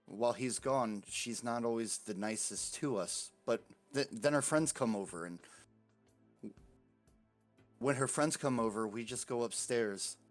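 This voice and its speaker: A man's voice: medium pitch, soft background music, pitched above the performer's own voice, natural voice. A man voicing a frightened young girl who stammers and repeats herself nervously. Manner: stammering, halting, nervous repetitions.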